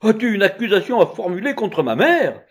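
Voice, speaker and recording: A man voicing a proud, furious male judge who shouts threats. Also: on the high side, big pitch swings, unhurried, husky, voice pushed up, heavily acted. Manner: loud angry threats.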